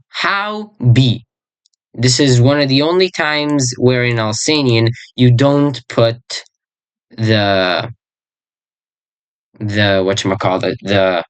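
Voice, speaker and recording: A person giving a casual lesson on an invented language, rambling, searching for words and correcting themselves, and repeating words slowly. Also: mid-range voice, clear, resonant tone, no room sound.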